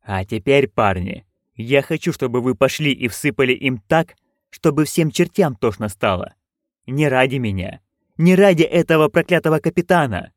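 A man voicing a fretful, commanding dwarf stage director who drills his troupe with slow, barked questions in an audiobook. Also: medium pitch, expressive, no room sound, studio quality, lightly acted. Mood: rousing. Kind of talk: audiobook narration.

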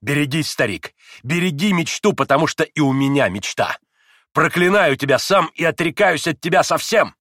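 A man voicing a violent, furious young man who shouts and vows vengeance, in an audiobook. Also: mid-range voice, expressive, moderate pace, dry recording, studio quality. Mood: furious vehement. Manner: vehement, passionate shouting.

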